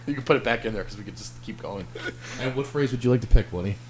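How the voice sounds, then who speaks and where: A man's voice: mid-range voice, fast talker, noisy background. A man co-hosting a casual podcast who jokes, laughs often, and runs the game. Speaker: podcast co-host. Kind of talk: casual chat.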